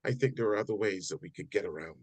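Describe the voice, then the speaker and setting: A man leading a church Bible study group, talking in a halting way with many fillers and repeated words. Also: lowish voice, animated, a little mellow, breathy edge, no room sound. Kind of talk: casual group discussion. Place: church meeting room.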